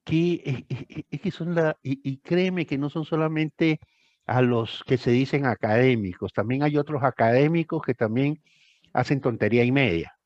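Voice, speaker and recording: A man's voice: mid-range voice, moderate pace, a little mellow, no echo, muffled recording. An older man tutoring a student one on one, emphatic and repeating phrases for stress. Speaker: thesis tutor.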